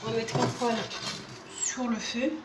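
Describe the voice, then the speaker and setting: A woman with a Spanish accent and a fairly high voice hosts a casual home cooking video, chatting at a moderate pace with little pitch movement as a pan sizzles in her home kitchen. She often adds "hein" and "voilà" and restarts words; the sound is roomy and distant with faint noise.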